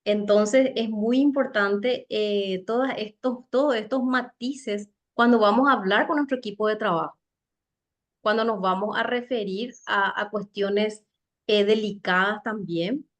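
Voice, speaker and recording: A woman giving a conversational seminar talk on soft skills, chatty and halting, often tagging her points with rhetorical questions. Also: medium pitch. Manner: chatty, with frequent rhetorical tag questions and light laughs; loose, halting delivery with many fillers and restarts. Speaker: speaker teaching soft skills for network marketing.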